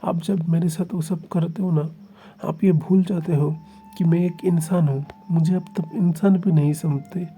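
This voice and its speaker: A man's voice: on the high side, steady tone, measured pace, dark tone, husky, voice pushed up. Man voicing a frightened pleading young man. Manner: pleading, tearful.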